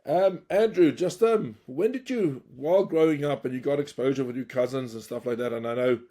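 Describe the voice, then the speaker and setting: Brisk and warm-toned, a South African man at medium pitch interviews a guest casually on his podcast. He keeps his questions friendly and chatty.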